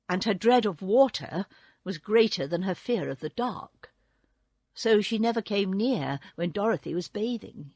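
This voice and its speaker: A woman reading a classic children's book aloud in a slow, expressive storytelling way. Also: mid-range voice, dry recording, studio quality.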